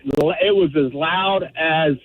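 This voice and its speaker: A man calls in over a thin, phone-like speakerphone line while driving. His voice sits a little high, and he speaks in halting, casual bursts that often restart. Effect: phone on speaker in a car. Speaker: caller. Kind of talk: casual call-in chat. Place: driving in a car.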